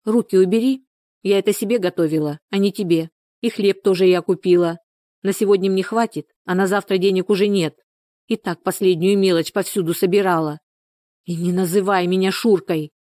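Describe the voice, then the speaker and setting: The audiobook narrator voicing a scornful, sharp-tongued young woman from a village who scolds in short bursts. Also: mid-range voice, normal speed, no room sound, clean studio sound, lightly acted. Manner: snapping, scolding.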